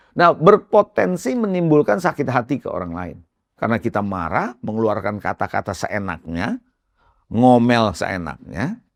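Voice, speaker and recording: Male pastor, gravelly, lively pitch, chatty sermon delivery with direct address to the congregation. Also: no echo, studio quality. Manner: conversational preaching, addresses listeners as saudara; lively pitch swings for emphasis.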